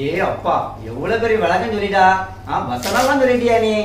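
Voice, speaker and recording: A man's voice: high voice, expressive, fairly quick, very noisy. A man acting as a Sunday school teacher in a children's skit, scolding and preaching, who tags his lines with questions. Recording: very echoey room, far from the mic.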